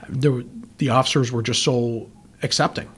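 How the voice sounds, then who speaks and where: A man's voice: mid-range voice, steady tone, fairly bright tone, slight background noise. A man, a police chief, speaking reflectively in an interview, with fillers and restarts. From from western New York. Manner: measured, reflective, with frequent fillers. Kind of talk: conversational interview.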